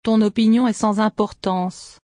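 A woman reading short phrases aloud one by one for a language course, in a measured, even way. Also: mid-range voice, no room sound. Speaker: French phrase reader.

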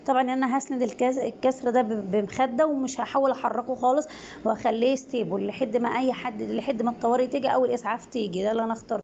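A woman's voice: on the high side, fairly even intonation, rapid-fire, creaky, warm tone, muffled recording, slight background noise. A woman with an Egyptian Arabic accent, a nursing assistant casually recapping exam questions to viewers, hesitant with many restarts.

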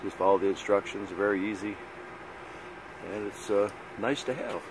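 A man's voice: on the low side, steady tone, normal speed. A man in his sixties explaining casually in a plain, laid-back way. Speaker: vlogger, RV traveller. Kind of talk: casual vlog talk. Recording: noisy phone audio with road noise.

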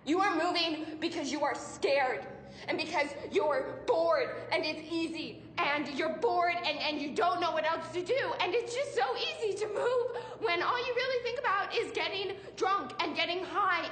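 A very high-pitched young woman, wounded and furious at a close friend who betrayed her. Her voice rings out in an echoey room with a long reverb tail, in a film drama. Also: normal speed, a bit bright. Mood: bitter. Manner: angry, bitter, mocks with a put-on British voice.

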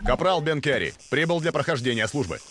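A man voicing an eager, cheeky army corporal in game dialogue, brisk and deferential. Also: mid-range voice, big pitch swings, fairly bright tone, a little hiss or hum. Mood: dutiful.

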